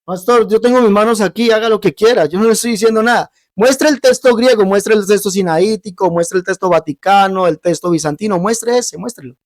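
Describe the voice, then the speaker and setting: A man's voice: high-pitched, a little fast, hardly any pauses, dry recording, studio quality. A man hosting an online religious debate, combative and challenging, hammering his points with repetition. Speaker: debate host and preacher.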